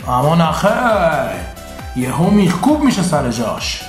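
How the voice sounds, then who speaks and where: A man doing a booming sports commentator. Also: big pitch swings. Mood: mock commentary. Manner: stretches words, rousing play-by-play. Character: excitable male sports commentator. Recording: echoey room with faint music.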